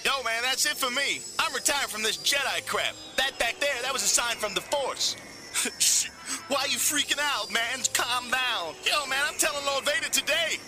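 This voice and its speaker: Man playing a jittery slangy trooper, very high voice, over loud music. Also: moderate pace. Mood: frantic. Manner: frantic, slangy rambling. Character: jittery foul-mouthed male trooper, slangy. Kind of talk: comedy radio sketch.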